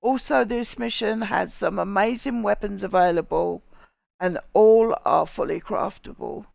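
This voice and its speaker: A woman's voice: medium pitch, a little slow, creaky, darkish tone, dry recording. A woman with a Cockney accent narrating a casual video game guide. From England. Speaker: gaming video host.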